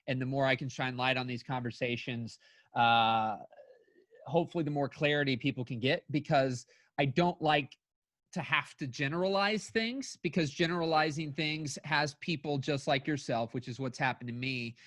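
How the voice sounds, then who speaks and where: A man's voice: medium pitch, normal speed, fairly bright tone. A man coaching a client in a one-on-one session over a video call, talking in a casual, friendly way.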